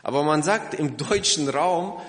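A man preaching a sermon to his congregation, lively and emphatic, asking rhetorical questions. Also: a little high, a little slow, reverberant, long reverb tail. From Germany. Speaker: pastor.

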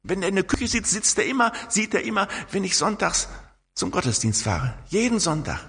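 A man's voice: high-pitched, a little fast, creaky, slightly rough. Older preacher man in echoing church. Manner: lively storytelling with frequent tag questions. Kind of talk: sermon.

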